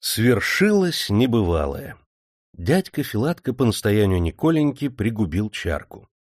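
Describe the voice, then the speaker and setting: A man narrating an audiobook, reading expressively and lifting his voice for lively dialogue. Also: measured pace, no room sound, clean studio sound. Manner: animated, raises pitch for excited dialogue.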